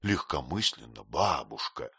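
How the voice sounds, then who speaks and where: A man's voice: extremely low pitch, very animated, a little slow, creaky, sharp tone, breathy edge, no echo, studio quality, pitched below the performer's own voice, exaggerated voice. A man reading an audiobook, voicing an earnest young man in love who protests fervently.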